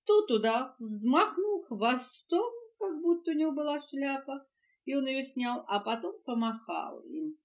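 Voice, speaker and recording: An older woman reading a children's tale aloud gently and expressively, recorded at home on a cassette tape. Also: high voice, big pitch swings, measured pace, dull audio. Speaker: storyteller.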